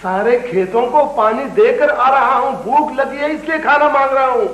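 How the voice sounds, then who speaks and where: An actor playing a patient young grandson, in a roomy old TV studio recording. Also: male voice, very high-pitched, moderate pace. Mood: coaxing. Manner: coaxing, reasoning gently. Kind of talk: 1980s TV drama acting.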